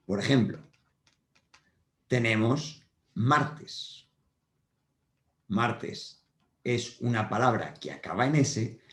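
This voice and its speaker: A male teacher explains grammar at a whiteboard, patient and repetitive, checking that the class follows. His voice sits fairly low. The sound carries a roomy echo. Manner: patient, repeats points with frequent check-ins. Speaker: primary school teacher. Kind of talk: whiteboard grammar lesson for children.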